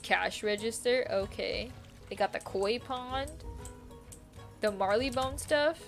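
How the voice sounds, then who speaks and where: A woman's voice: on the high side, takes it slowly, creaky. A young woman streaming a game, chatting casually and rambling, with frequent giggles and casual swearing. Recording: faint music behind.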